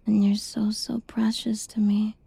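A woman whispers softly and slowly, her voice very breathy and airy with a gravelly edge of fry. Her tone is deeply mellow and stays within a narrow, even range, soothing and reassuring in an ASMR roleplay. The sound is close and completely dry. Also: no echo. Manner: slow, tender and reassuring.

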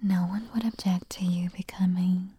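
Woman, ASMR roleplay queen, breathy soft whisper, intimate and calming. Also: fairly low pitch. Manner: slow, soothing and intimate. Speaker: ASMR performer.

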